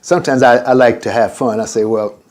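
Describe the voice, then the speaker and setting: Speaking fairly quickly in a mid-range voice, an older man leads a casual religious lesson as imam. He's lively and keeps wandering from the subject, playing out conversations as he goes.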